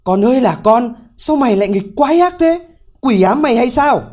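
A man's voice: on the high side, animated, normal speed, natural voice. A male storyteller voicing an exasperated old father who scolds his son. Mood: scolding. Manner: scolding, shouting.

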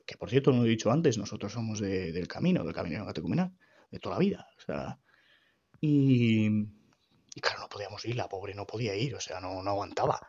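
A man giving an earnest, halting personal faith testimony about caring for his dying mother. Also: lowish voice, darkish tone, husky, lo-fi sound. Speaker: grieving son giving testimony.

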